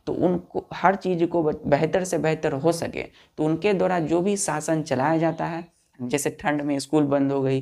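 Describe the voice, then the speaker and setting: A man's voice: on the high side, gravelly, darkish tone. A man teaching English vocabulary for exam prep, explaining patiently, repeating key words, spelling them out letter by letter and checking that students follow.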